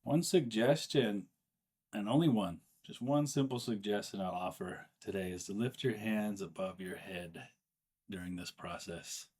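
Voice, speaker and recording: The guide of this meditation is a man with a lowish, husky voice. He speaks gently and slowly, regularly pausing mid-sentence.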